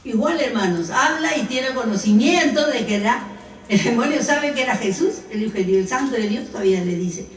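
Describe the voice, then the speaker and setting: A woman's voice: a little high, lively intonation, a little fast. A woman leading a Bible study who directs the group to verses and asks her listeners questions. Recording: roomy room, distant mic.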